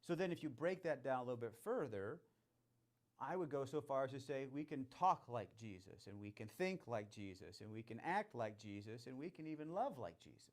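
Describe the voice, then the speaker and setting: A man's voice: mid-range voice, big pitch swings, fairly quick. A man hosting a charity year-end celebration, giving an enthusiastic, conversational welcome and faith talk with repeated phrases.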